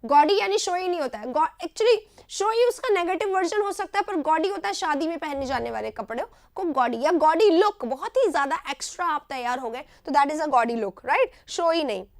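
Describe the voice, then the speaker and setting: An Indian woman teaching English vocabulary in a live online class, her voice high and bright. She explains each word in short repeated phrases and keeps checking in with "right?". The sound is dry and close, with almost no room around her. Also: lively intonation, moderate pace, dry recording.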